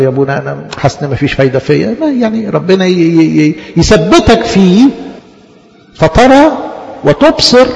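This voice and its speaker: High-voiced Egyptian priest preaching in a hall. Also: male voice, gravelly. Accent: Egyptian Arabic. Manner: animated preaching, stretching key words and laughing softly. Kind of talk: sermon.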